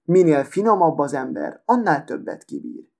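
Storyteller reading a fairy tale: a man with a fairly high, mellow voice and a calm, measured delivery. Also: creaky.

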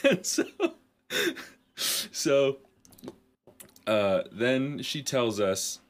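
A man's voice: mid-range voice, lively intonation, very slow. A man co-hosting a comedy podcast, rambling through a profane, laughing story. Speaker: podcast co-host.

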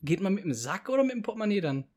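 A man with a notably high voice, chatting casually. He quizzes his friend in a teasing, playful way and prods him with follow-up questions. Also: big pitch swings, racing, a little mellow. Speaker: podcast co-host, quiz asker. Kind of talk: casual chat.

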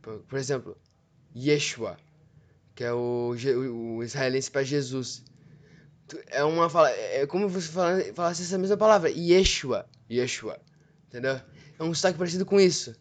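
A man's voice: mid-range voice, a little fast. A man hosting his own show in a casual, rambling, informal monologue that often corrects itself. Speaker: show host.

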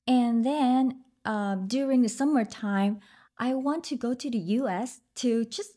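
A young Vietnamese singer, appearing as a podcast guest, speaks hesitantly with a Vietnamese accent, using lots of fillers and laughing lightly. Her voice is on the high side, unhurried and dark in tone.

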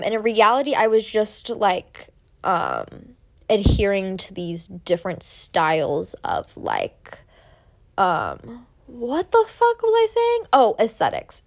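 A woman with a mid-pitched voice chats casually as a solo podcast host. She talks informally and candidly, swearing freely. Her voice is recorded in an echoing bathroom.

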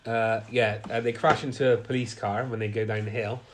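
With a cold-stuffed nose, a man co-hosting a podcast runs through a movie plot full of fillers, acting out lines as he goes. His fairly low voice is flat and fairly quick, with a little hiss or hum in the recording.

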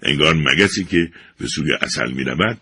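An older man narrating an audiobook in an expressive storytelling manner. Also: rumbling low, breathy edge.

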